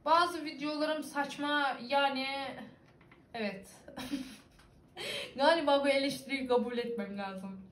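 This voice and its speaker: Playful high-voiced Aegean Turkish woman. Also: slow, pauses often, a bit bright. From İzmir, Turkey. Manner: playful, teasing, laughs often. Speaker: vlogger. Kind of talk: casual chat reading viewer comments. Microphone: computer webcam. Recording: echoey room.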